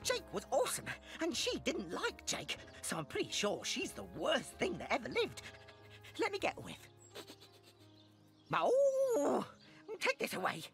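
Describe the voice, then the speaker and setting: An eager, loyal dog from a video game. The voice is highish and swings wildly up and down, blunt and childlike, with music behind it. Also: female voice, measured pace, exaggerated voice. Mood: disdainful. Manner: blunt, excitable, childlike wording. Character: loyal talking dog grieving its best friend, simple and eager. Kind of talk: animated video game voice acting.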